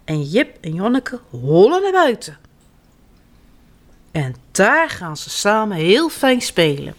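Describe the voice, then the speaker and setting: A woman reading a children's story aloud in an animated, expressive way. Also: medium pitch, slow pace.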